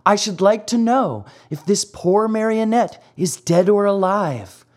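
A storybook reader voicing a kind fairy over a thousand years old, speaking high, gentle and earnest. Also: animated, a little slow. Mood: gentle, commanding.

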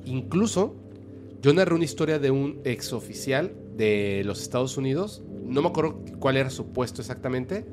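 A man, a podcast guest telling a story in animated conversation, often checking that the listener is following. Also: mid-range voice, normal speed. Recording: music playing under the voice.

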